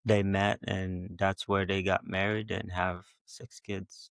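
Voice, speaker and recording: A man's voice: low-pitched, flat delivery, slow, creaky, clean tone, no room sound, clean studio sound. A man from Haiti, a guest in an interview, answering hesitantly with many "like"s and restarts. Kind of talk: interview conversation.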